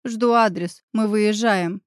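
A woman voicing an anxious older man, a guilt-ridden father who pleads urgently in a hoarse voice, in a read-aloud audiobook. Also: medium pitch, slow, no echo, clean studio sound, natural voice. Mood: pleading.

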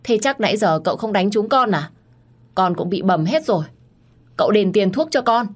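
A woman voicing a bold young servant girl who shouts and tattles in an audio story. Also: animated, normal speed, close to an everyday voice. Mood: indignant. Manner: shrill, tattling.

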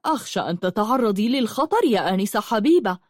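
A woman's voice: medium pitch, animated, fast talker, no room sound, clean studio sound, lightly acted. A woman voicing a polite, cautious young man in a storybook. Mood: admiring.

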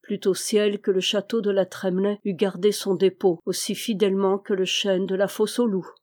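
A woman reading the lines of a calm, secretive male charcoal burner in a storybook, measured and even. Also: medium pitch, lightly acted.

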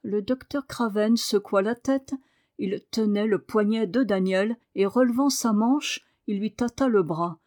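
A woman narrating a classic children's novel as an audiobook, measured and clear. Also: mid-range voice, a little mellow, no room sound, studio quality.

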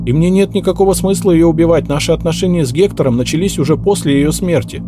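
A man's voice: a little high, pitched above the performer's own voice, natural voice. A man doing a frightened pleading young maid. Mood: tearful. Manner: pleading, rushed, tearful.

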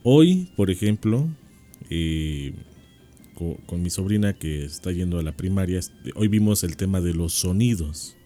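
A man with a Mexican accent co-hosting a radio discussion, reflective and pausing often with "eh" and restarts. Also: low-pitched, expressive, mellow, faint music behind. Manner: reflective, with frequent "eh" pauses and restarts. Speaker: radio show co-host. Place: radio studio.

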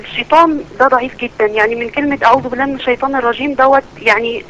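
A woman with an Egyptian accent calling in to ask a question, polite and hesitant with halting restarts. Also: high-pitched, fairly even intonation, fairly bright tone. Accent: Egyptian Arabic. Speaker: caller. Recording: dull phone call with faint noise.

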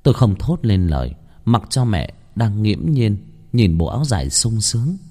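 A man's voice: fairly low pitch, sing-song, normal speed, warm tone. A man narrating a ghost story in a dramatic, suspenseful manner.

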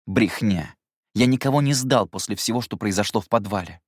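A brusque, menacing young man, as a male audiobook reader puts him on, speaks low and clipped with a very deep voice. Every jab comes out as a hushed warning. The recording is dry and close. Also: a little fast, dry recording, close to an everyday voice. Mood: tense, scornful.

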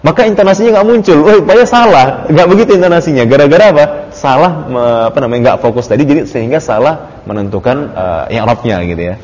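A man's voice: on the high side, expressive, fast, darkish tone. Male teacher explaining grammar in a reverberant hall. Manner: explains patiently, many fillers, laughs easily. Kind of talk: informal study-circle lesson. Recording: dull lo-fi audio with long reverb.

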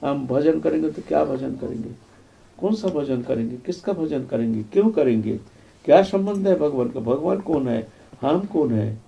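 Gravelly older man giving a spiritual talk. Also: fairly high pitch, expressive, moderate pace, mellow. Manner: reflective, storytelling with repeated phrases and trailing fillers. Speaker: spiritual speaker. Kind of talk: devotional discourse.

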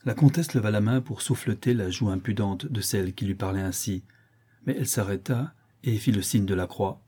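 A man narrating a novel as an audiobook in a measured, even manner. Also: fairly low pitch, breathy edge.

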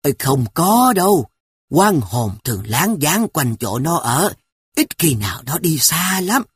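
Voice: medium pitch, very animated, unhurried, husky, dry recording, clean studio sound, voice pushed up, heavily acted. A storyteller voicing a devout grandmother who scolds and reassures her grandchildren. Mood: reassuring. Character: kindly grandmother, devout and stern. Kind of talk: audiobook character voice.

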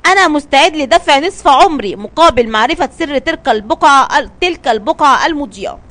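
A woman's voice: high-pitched, animated, quick pace, fairly bright tone. A woman voicing an anxious male sailor in a children's story, speaking nervously and urgently. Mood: tense.

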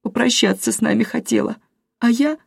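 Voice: medium pitch, lively intonation, moderate pace, a little mellow, dry recording, clean studio sound, pitched above the performer's own voice, lightly acted. An audiobook reader voicing a fretful, tearful elderly grandmother who speaks plaintively in a raised voice. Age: older.

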